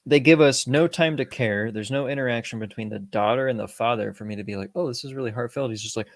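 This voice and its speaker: A man's voice: medium pitch, quick pace, dry recording, clean studio sound. A man co-hosting a film podcast, chatting casually and bluntly, swearing freely and now and then mimicking characters. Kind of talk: casual film review chat.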